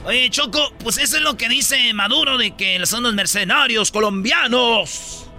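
A man's voice: extremely high pitch, a little slow, sharp tone, soft background music. A man with a Mexican accent co-hosting a slangy, casual news chat. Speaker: talk show co-host.

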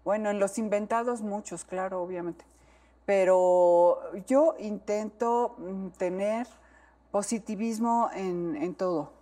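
A woman's voice: mid-range voice, slow pace, warm tone, far from the mic. An older woman, an actress guest on a talk show, answering graciously and affectionately.

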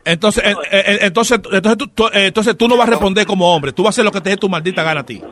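A man's voice: high-pitched, fast, fairly bright tone. A man playing a stern, hot-tempered uncle on a prank phone call, pushy and accusing. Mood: angry. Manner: pushy, accusing, swears when riled. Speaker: radio prank caller. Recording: noisy phone line.

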